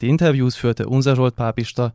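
A man presenting a scripted radio news report in a formal, even reading voice. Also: medium pitch, brisk, dry recording.

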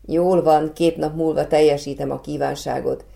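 Kindly little female fairy, brisk and reassuring, low creaky tone, read out by a woman. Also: steady tone, warm tone.

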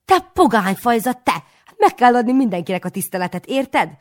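A reader voicing a fussy, doting elderly village aunt who calls out and scolds in a high, shrill voice. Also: natural voice. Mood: scolding.

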